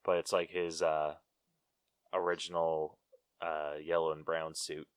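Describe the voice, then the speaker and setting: Deep-voiced, teasing podcast guy. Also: flat delivery, unhurried, clear, resonant tone, dry recording, clean studio sound. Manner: teasing, easygoing. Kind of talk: casual chat.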